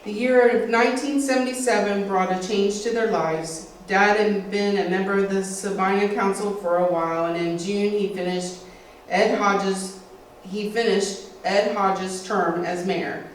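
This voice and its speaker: Standing at a lectern in an indoor meeting room before a small audience, a middle-aged American woman reads a prepared family history script at a community history event, adding occasional asides. Her mid-range voice is steady and unhurried. A distant camera mic picks her up in a very echoey room with faint background noise.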